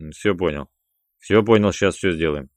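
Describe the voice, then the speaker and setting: A man's voice: deep voice, moderate pace, no room sound, natural voice. A man reading an audiobook, voicing a cool, calculating male gangster who speaks in a dry, curt, mocking way. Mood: deferential. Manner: dry, curt, mocking, snapping when angry.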